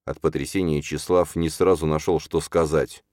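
A man narrating a dark fantasy audiobook in a measured, hushed storytelling manner. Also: rumbling low, little pitch movement, dry recording, studio quality.

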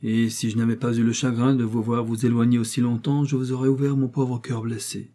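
A man's voice: medium pitch, flat delivery, a little fast, warm tone, close to an everyday voice. A man putting on a plaintive scheming young heiress. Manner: plaintive, melodramatic. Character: scheming young orphaned heiress, self-pitying.

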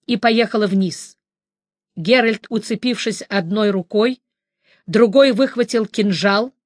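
Measured woman reading a fantasy audiobook. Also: fairly high pitch, no room sound, clean studio sound. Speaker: audiobook reader.

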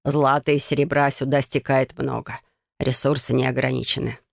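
A woman voicing a fatherly middle-aged husband who speaks slowly and reassuringly. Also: mid-range voice, flat delivery, creaky, dry recording, studio quality, voice pushed down.

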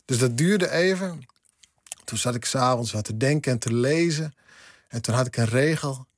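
Frisian guy reading his poem, slow and measured, dry studio mic. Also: medium pitch, no room sound. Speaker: poet, guest. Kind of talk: poetry reading and interview.

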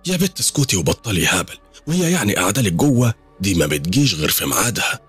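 A man's voice: lowish voice, very animated, fast, a bit bright, husky, no echo, soft background music, heavily acted. A man with an Egyptian accent voicing a blunt, teasing old village grandmother who scolds dryly. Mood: scolding. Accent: Egyptian Arabic.

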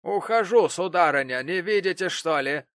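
Мужчина-чтец озвучивает насмешливую вспыльчивую пожилую сиделку, которая язвит и кричит. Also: male voice, high voice, expressive, moderate pace, no room sound, voice pushed up. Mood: sneering. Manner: sneering, shouting. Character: mocking, bad-tempered old woman nurse.

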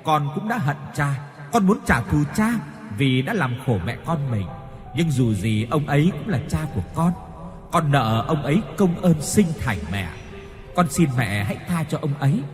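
A man's voice: a little high, big pitch swings, moderate pace, in a large hall, over music. A man voicing the ghost of a young son, tearfully pleading.

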